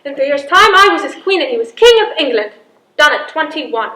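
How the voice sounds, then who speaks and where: Casting: female actor for older medieval queen, high-pitched, regal, wry manipulator in period drama, roomy sound. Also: sing-song, brisk, pushed and bright, full character voice. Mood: wistful, bitter. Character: proud, cunning older imprisoned queen and mother. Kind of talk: theatrical period drama monologue and dialogue. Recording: echoey room, audible background noise.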